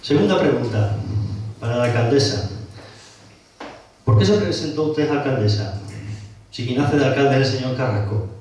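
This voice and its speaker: A man's voice: mid-range voice, animated, moderate pace, pauses often, darkish tone. A man with an Extremaduran Spanish accent, an opposition town councillor making a combative council meeting speech and hammering his opponents with repeated questions. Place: council chamber. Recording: very echoey hall, distant mic.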